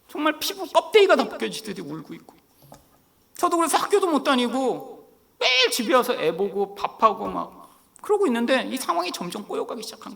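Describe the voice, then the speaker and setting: A middle-aged male pastor from Korea preaching with a high, lively voice that leaps up and down. The tone is bright and forceful with a gravelly edge. He tells his story animatedly and acts out the lines he quotes. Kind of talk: sermon with personal storytelling.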